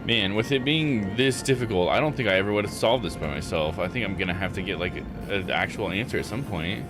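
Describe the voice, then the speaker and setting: Speaking briskly in a lowish voice, a game streamer comments casually as he plays, thinking out loud in disbelief. Behind him, game music can be heard.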